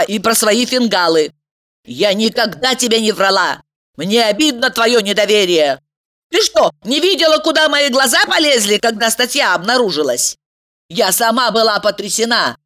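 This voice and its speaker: A woman's voice: a bit bright, close to an everyday voice. A woman voicing a bossy, scheming young woman who scolds and shrieks at her friend. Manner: shrill, scolding, sarcastic.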